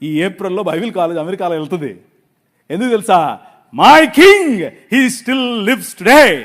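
Brief: middle-aged male preacher, high voice that leaps around, impassioned sermon. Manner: impassioned, swinging between loud outbursts and hushed asides. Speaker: pastor.

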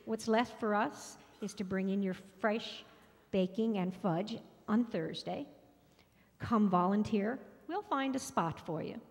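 A woman's voice: medium pitch, measured pace. Cheerful woman reading at a church podium. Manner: cheerful, rhythmic listing. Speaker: fair organizer. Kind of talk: reading a prepared announcement. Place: large church sanctuary. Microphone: podium microphone. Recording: long reverb in a church hall.

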